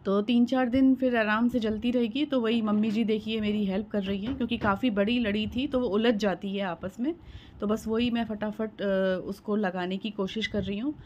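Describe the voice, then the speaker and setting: Her medium-pitched voice sounds darkish with the highs cut off, delivered at a moderate pace with fairly even intonation. A thirties-aged home vlogger, she shows things one by one with many fillers, in a bright room and later on a balcony, on a phone recording with clear background noise.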